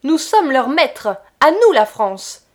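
A woman voicing an arrogant, drunk young Prussian officer who taunts loudly and fakes a clumsy accent. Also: mid-range voice, very animated, unhurried. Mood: taunting. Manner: loud taunting, fake German-tinged pronunciation.

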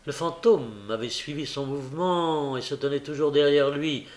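Male audiobook narrator, fairly high voice, measured and hushed. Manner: measured, dropping low and quiet in tense passages. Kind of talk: read-aloud narration of a novel.

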